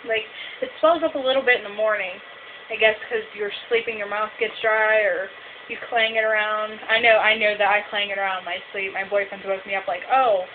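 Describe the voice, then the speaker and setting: A woman's voice: medium pitch, steady tone, a little fast. A young woman with a fresh tongue piercing chatting casually in a rambling video diary, saying "like" often. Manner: rambling, frequent "like". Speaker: vlogger. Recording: hissy, noisy, phone-like narrow sound.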